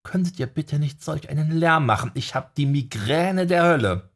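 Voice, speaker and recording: A man's voice: medium pitch, big pitch swings, moderate pace, slightly rough. A man voicing a young female necromancer with a dry, exasperated manner in an audiobook. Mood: annoyed. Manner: sardonic, exasperated.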